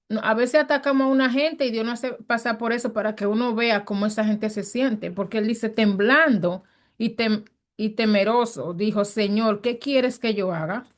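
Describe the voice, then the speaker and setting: A woman leads a Bible study in a relaxed, conversational sermon. Her voice sits a little high, and she presses her points with earnest emphasis. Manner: earnest and emphatic, acts out quoted speech. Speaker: preacher teaching a Bible study.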